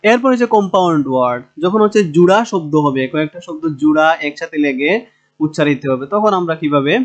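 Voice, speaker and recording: Slow-spelling lecturer with a Bangladeshi accent. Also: male voice, a little high, expressive, muffled recording. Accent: Bangladeshi Bengali. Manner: slow, drawn-out sounding of example words with hesitant fillers. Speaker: linguistics lecturer. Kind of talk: recorded lecture.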